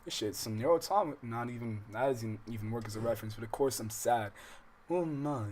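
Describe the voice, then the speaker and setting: With a medium-pitched, slightly mellow voice and a fairly quick pace, an American man livestreams a visual novel. He reads its text aloud, then breaks away into casual, slangy, profane tangents, interrupting himself often. Game music plays beneath him, with slight background noise.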